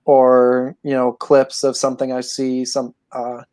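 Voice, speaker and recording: A young man in his twenties, a guest calmly explaining his plans. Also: mid-range voice, measured pace. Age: 20s. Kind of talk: casual interview.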